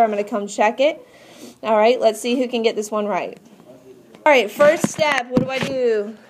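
A woman teaching a math class step by step in a patient, instructive way, often asking questions to check understanding. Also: on the high side. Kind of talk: classroom lesson, explaining step by step.

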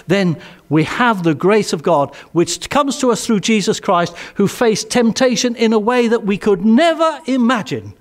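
An older man with an English accent delivers a sermon in a church hall. His voice sits a little high, and he speaks earnestly and with emphasis, often sinking to soft, intimate phrases. He is picked up by a headset mic. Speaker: preacher.

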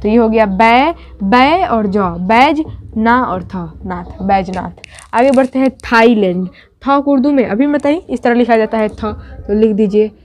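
A woman's voice: fairly high pitch, unhurried, darkish tone. A woman teaching Urdu script step by step, patiently walking students through each letter and checking in often. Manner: patient, repeats and checks with "thik". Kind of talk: step-by-step writing lesson.

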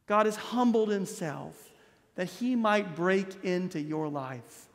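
A man in his thirties, a priest delivering a Christmas Eve homily with impassioned preaching, dropping low and soft on key words. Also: slow pace. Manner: gestures broadly while standing at a lectern. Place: large stone church, indoors. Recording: long church reverb.

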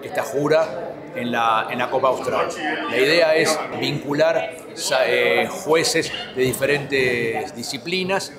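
A man introduces himself to camera as a competition judge, steady and a little formal. A loud crowd fills the background of the recording. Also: medium pitch, takes it slowly. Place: festival, indoors. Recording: loud crowd noise behind.

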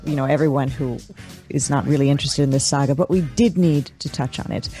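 A woman's voice: deep voice, warm tone. A woman co-hosting a talk podcast, chatting casually and introducing her guest. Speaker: podcast co-host.

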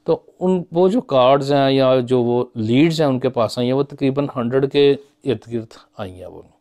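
A middle-aged man from Pakistan talks straight to the camera from a small office, recorded on a phone held at arm's length. He thinks aloud in a loose, conversational way, pausing on fillers as he works through his figures. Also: mid-range voice, dark tone. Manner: conversational, musing, with many fillers and hand gestures. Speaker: business commentator. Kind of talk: casual talk to camera. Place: small office with framed certificates on the wall.

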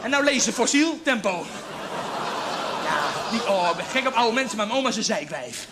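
Brief: manic, crude male stand-up comic, very high voice, live stage recording with audience laughter. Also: sing-song, normal speed, heavy background noise. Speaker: stand-up comedian. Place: theatre stage before an audience.

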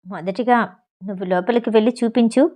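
A woman voicing a suspicious, stern male gang member in an audio novel, giving gruff, distrustful orders in a lowered voice. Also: a little fast, warm tone, close to an everyday voice.

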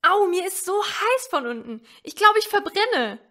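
Lady doing a whiny little girl, way up high, bright and slow. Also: sing-song, heavily acted. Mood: whining. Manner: high whimpering pleas. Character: small girl stuck, whining and scared.

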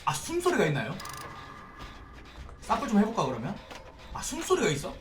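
A young man streaming a horror game, commenting excitedly, swearing often and pleading loudly with his teammates. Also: high voice, brisk. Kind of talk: live gameplay commentary. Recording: roomy, distant mic, faint background noise.

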